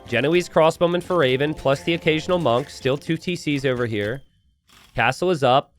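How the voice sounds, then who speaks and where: A man giving live, casual and joking video game commentary to a stream, prone to excitable, repeated exclamations. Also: a little high, moderate pace, soft background music. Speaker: esports commentator. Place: indoors at a computer.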